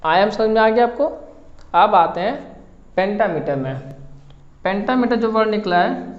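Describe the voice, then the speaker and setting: A man's voice: high voice, lively intonation, unhurried. A man teaching a class lecture, often stopping to ask whether the students have understood. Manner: repeats questions to check understanding. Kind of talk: Hindi lecture on English poetry. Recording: roomy, dull lo-fi audio.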